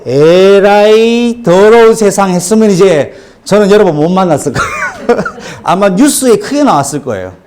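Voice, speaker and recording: A middle-aged male pastor preaching a sermon, telling his own testimony with animated storytelling. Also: high voice, moderate pace, hardly any pauses, a little hiss or hum. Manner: animated storytelling testimony, acting out quoted cries.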